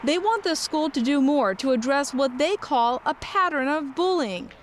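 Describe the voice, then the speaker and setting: A female reporter narrates a news segment clearly and formally in a high voice. Faint ambient noise is underneath. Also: lively intonation, normal speed. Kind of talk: news voice-over.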